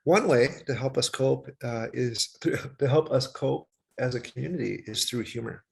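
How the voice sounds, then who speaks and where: Man, event host, husky, halting introduction, frequent fillers. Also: mid-range voice. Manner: hesitant, many fillers. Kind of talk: read introduction.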